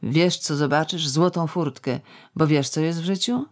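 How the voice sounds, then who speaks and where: An audiobook reader voicing a bitter, tipsy middle-aged woman who rambles in a sardonic, ironic way, drawing out words slowly. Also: low-pitched, natural voice. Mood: mocking. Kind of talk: audiobook character reading.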